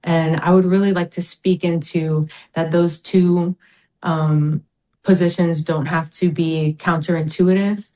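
A woman from American Samoa, an interview guest and community advocate, answering in an earnest, measured way. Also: fairly low pitch, flat delivery, dark tone, rough recording. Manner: earnest, measured, speaks with pride of her home.

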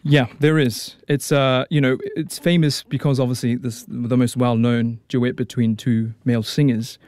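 A man's voice: mid-range voice, little pitch movement, moderate pace, darkish tone. A man, an opera tenor chatting as a guest in a casual radio interview, full of fillers and restarts. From New Zealand.

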